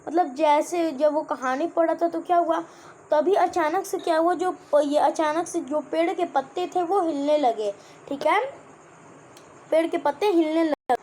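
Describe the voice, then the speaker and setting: Brief: young woman teacher, high voice, explains a kids' story line by line, asks the class questions, faint background hiss. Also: a little mellow. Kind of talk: explaining a children's textbook chapter.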